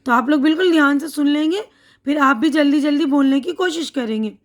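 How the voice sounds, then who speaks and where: A woman teacher giving a slow, patient reading lesson to young children, sounding out syllables and repeating them. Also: high-pitched. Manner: explains slowly, reads syllables aloud and repeats them.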